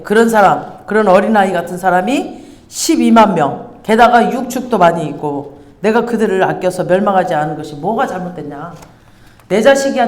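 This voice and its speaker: Lively woman preaching in an echoey hall. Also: fairly low pitch. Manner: lively, teasing and conversational, acts out scenes. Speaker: pastor. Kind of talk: sermon. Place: church hall. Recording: roomy church hall echo.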